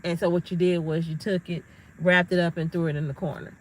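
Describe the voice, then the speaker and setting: A woman's voice: fairly low pitch, fairly quick, low-quality recording. A middle-aged woman talking to her viewers in a casual, emphatic monologue, telling stories with energy. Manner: emphatic, animated storytelling. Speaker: astrology vlogger.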